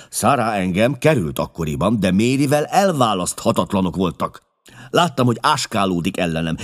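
Brief: a man with a deep voice and lively intonation, giving a dramatic audiobook reading. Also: breathy edge. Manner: expressive, emotional, with sudden drops to a hush. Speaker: audiobook narrator.

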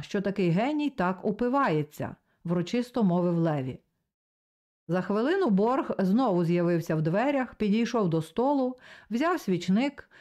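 Expressive woman reading a novel aloud. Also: medium pitch. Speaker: audiobook reader. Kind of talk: scripted narration.

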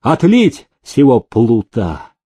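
A male reader voicing an excitable, gleeful rich old factory owner who shouts and eggs on a fight, in a storybook reading. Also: mid-range voice, slightly rough, dry recording, heavily acted. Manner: shouting, egging on, drawn-out delivery.

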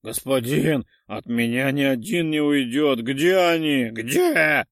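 A man voicing a blind, servile knight of living mirror in an audiobook, booming and dutiful. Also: slow, a bit bright, no room sound, studio quality. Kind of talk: audiobook character voice.

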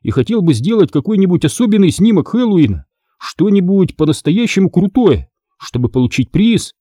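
A man's voice: sits high, sing-song, moderate pace, warm tone, no echo, studio quality, pitched above the performer's own voice. Eager young boy, a man reading him. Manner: eager, earnest.

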